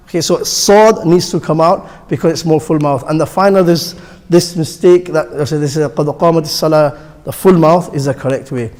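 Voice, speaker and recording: Guy with a pretty high voice teaching a class, patient, says everything twice, long echo in a big hall. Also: darkish tone. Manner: patient, repeats each point and demonstrates pronunciation. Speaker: instructor teaching the call to prayer. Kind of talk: classroom instruction. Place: mosque hall.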